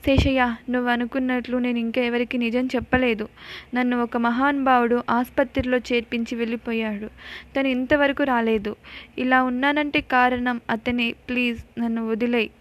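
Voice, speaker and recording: A woman's voice: high voice, moderate pace. A woman voicing an injured, grieving man who pleads for his life in a told horror story. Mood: pleading. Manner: tearful, pleading.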